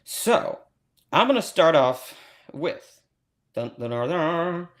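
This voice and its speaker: A man's voice: a little high, big pitch swings, slow. A man playing a scatterbrained, over-eager host of an awards-predictions livestream, who rambles and gushes with lots of ums and restarts.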